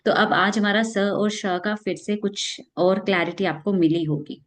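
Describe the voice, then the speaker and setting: Woman teaching pronunciation patiently. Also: medium pitch. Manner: explains patiently, repeats words slowly for practice. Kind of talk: casual spoken lesson.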